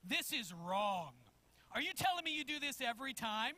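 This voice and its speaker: A man's voice: very high-pitched, very animated, moderate pace, pushed and bright, exaggerated voice. A man voicing a firm, persistent mother within a sermon story, staying close to his own voice. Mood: indignant. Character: firm, persistent mother arguing her case.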